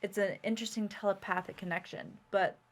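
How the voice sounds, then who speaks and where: Brief: female host, middle pitch, conversational and eager. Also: fairly even intonation, a little fast. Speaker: podcast host. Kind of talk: casual chat.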